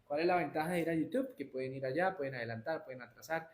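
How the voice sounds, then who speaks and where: A man's voice: a little high, fast talker. A man teaching an English class live online, answering students by name and switching between Spanish and English. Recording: roomy echo, faint noise.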